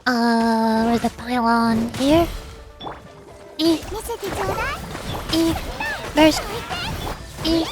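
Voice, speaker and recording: A woman vtuber streamer gives casual gameplay commentary, playfully muttering to herself, with faint game music behind her. Her voice is on the high side and extremely slow, with long pauses.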